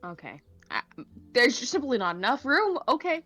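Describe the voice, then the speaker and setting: A woman's voice: sits high, sing-song, moderate pace, over music. A woman playing in a live tabletop game, thinking aloud with fillers and frequent giggles. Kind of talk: casual live game chat.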